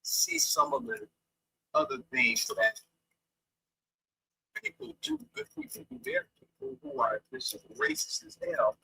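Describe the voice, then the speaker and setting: A man talking in a halting way with many fillers as a guest on a call-in stream, his audio muffled and scratchy from a phone connection. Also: very high-pitched, huge pitch swings, creaky, bright, forceful tone, no room sound. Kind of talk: casual debate chat.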